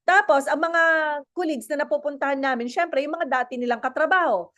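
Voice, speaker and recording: A woman's voice: high voice, a little fast, fairly bright tone. A woman with a Filipino accent giving a chatty motivational talk as a network marketing speaker, mixing in English and asking the audience questions. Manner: chatty, mixes English and Tagalog, asks the audience.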